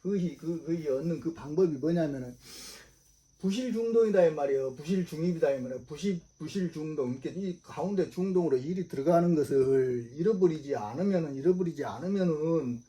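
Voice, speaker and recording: A man's voice: fairly high pitch, expressive, brisk, dark tone. A middle-aged man, preaching a religious sermon in a repetitive, emphatic way, often asking his listeners if they understand. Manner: repetitive, emphatic, with frequent rhetorical questions.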